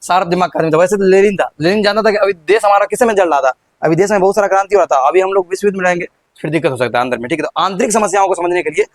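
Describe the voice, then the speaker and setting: A man's voice: high voice, racing, few pauses, no echo. A young male teacher with a Bihari Hindi accent gives a classroom history lesson, repeating his questions and prompting students, often stumbling and restarting.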